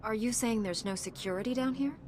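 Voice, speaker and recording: A woman's voice: on the high side, fairly quick, darkish tone, a little hiss or hum, close to an everyday voice. A woman playing a resolute, principled knight in a video game, formal and composed. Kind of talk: scripted video game dialogue.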